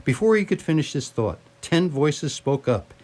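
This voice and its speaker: The narration comes from a man whose slightly high, darkish voice swings widely in pitch at normal speed. He reads a scripted radio theatre story, performed live, with a wry and literary touch.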